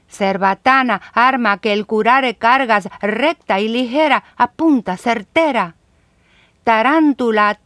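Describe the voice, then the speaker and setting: A woman reading children's poems aloud in a measured, rhythmic recitation. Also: on the high side, a bit bright, no room sound, studio quality. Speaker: reader.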